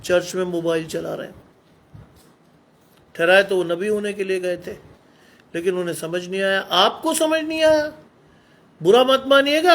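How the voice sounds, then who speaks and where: A middle-aged male preacher delivers a sermon in a notably high voice. He exhorts his listeners, pressing them again and again with rhetorical questions. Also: fairly bright tone. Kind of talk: Hindi sermon.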